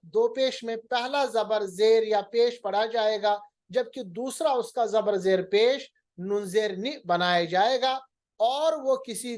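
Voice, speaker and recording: A man's voice: high voice, darkish tone. A male teacher giving a recorded lesson on Quran recitation rules, patiently repeating each point and sounding out the examples.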